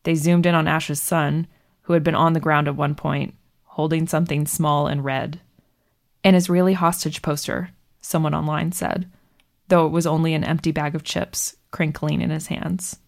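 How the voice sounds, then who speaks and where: A woman narrating a true story in a measured, scripted delivery. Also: sits low, fairly even intonation, gravelly.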